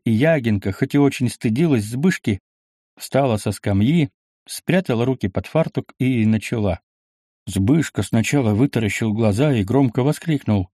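A male narrator reads a historical novel in a steady, measured storytelling voice. His voice sits at a middle pitch, close to the mic in a dry, dead room. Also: no room sound. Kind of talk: audiobook narration.

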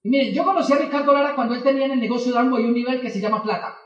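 A man with a strikingly high voice tells a lively story to an audience, switching between himself and the people he talks to. He sounds distant, the sound is muffled and dull, and a large hall echoes around him. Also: very fast. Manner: animated, acts out both sides of dialogues. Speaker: motivational speaker.

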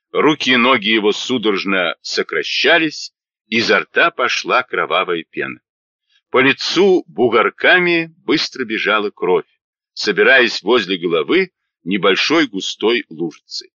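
A man narrating an audiobook in a dramatic, expressive reading style. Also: lowish voice, a little slow, no room sound, muffled recording.

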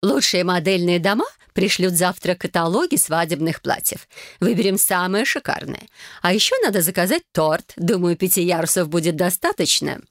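A woman's voice: fairly low pitch, animated, normal speed, no room sound, clean studio sound. A woman voicing a bossy, effusive mother who talks over everyone in an audiobook. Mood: gushing. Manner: effusive, steamrolling, chatters on. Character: gushing bossy mother planning a wedding. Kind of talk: audiobook character voice.

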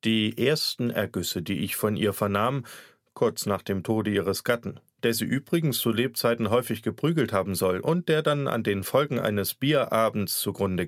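A man's voice: on the low side, animated, normal speed, no echo, clean studio sound. A man narrating a satirical story as an audiobook reader, in a wry, theatrical manner. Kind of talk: scripted narration.

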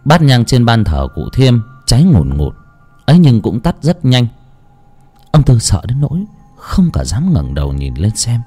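A man narrating a ghost story dramatically, with an expressive, swooping delivery. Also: mid-range voice, measured pace, slightly rough, faint music behind.

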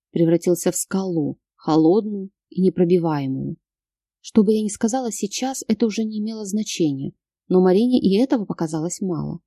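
A woman narrating a first-person novel in a steady storytelling voice. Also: medium pitch, husky, dry recording, clean studio sound. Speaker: audiobook narrator.

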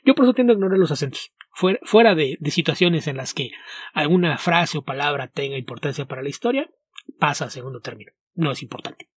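A man's voice: a little high, lively intonation, fast, breathy edge, no echo. A man co-hosting a casual podcast chat, explaining his points at length. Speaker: podcast co-host.

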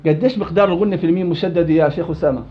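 A man teaching a Quran recitation class, quizzing his students by name in a lively way. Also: on the high side, very fast, a little hiss or hum. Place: indoor study circle. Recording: dull lo-fi recording.

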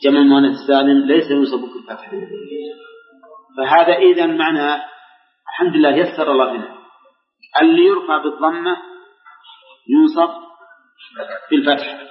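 An older man teaching grammar to a class, quizzing students and slowly repeating examples. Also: fairly high pitch, fairly even intonation. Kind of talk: classroom lesson with questions to students. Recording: echoey hall, dull lo-fi recording.

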